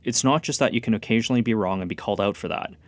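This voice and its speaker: An anonymous source speaking in a recorded interview clip, the voice digitally altered and deepened for anonymity, giving a fluent, steady account. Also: racing, no echo.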